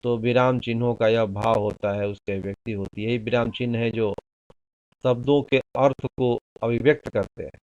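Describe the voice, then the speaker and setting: A man teaching a Hindi lesson, explaining slowly and deliberately with examples. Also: mid-range voice, darkish tone, no room sound. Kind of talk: classroom lecture. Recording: dull, lo-fi dry recording.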